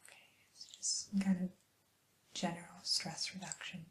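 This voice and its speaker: A woman whispering softly and soothingly as a spa receptionist in an ASMR roleplay, with gentle hesitant pauses. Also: on the low side, little pitch movement. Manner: soft unvoiced whisper, slow and soothing.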